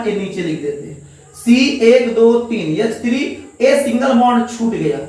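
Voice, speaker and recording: A high-voiced man teaching chemistry with a lilt, coaxing his students along and echoing every answer back as a question. He sounds set back from the mic in a very echoey room. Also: distant mic. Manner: coaxing, repeats each answer as a question to the class. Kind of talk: classroom chemistry lecture.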